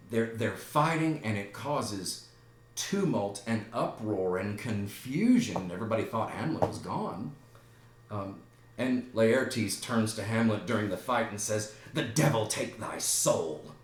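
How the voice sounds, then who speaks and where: Man teaching a play, slow and explaining as he goes, echoey room. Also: lowish voice. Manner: unhurried, explanatory, breaks off for side notes. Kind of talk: reading a play aloud with commentary.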